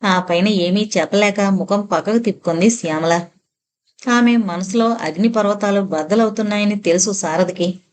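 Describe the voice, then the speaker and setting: A woman narrator reading a novel aloud in a steady, expressive storytelling manner. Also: medium pitch, moderate pace, a little hiss or hum.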